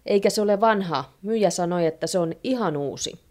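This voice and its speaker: A woman's voice: mid-range voice, darkish tone, natural voice. A woman voicing a gullible, lazy husband who mumbles his excuses in a storybook reading. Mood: defensive.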